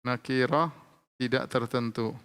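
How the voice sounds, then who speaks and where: A man teaching Arabic grammar in a lecture, explaining slowly and repeating each example with frequent checks of "ya". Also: mid-range voice, fairly even intonation, a bit bright, smooth. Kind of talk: classroom lecture. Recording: long hall reverb.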